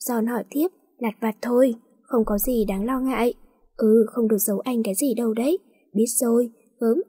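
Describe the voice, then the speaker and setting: A woman reading a romance story aloud as an audiobook narrator, voicing every part in a soft, even manner. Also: fairly high pitch, husky.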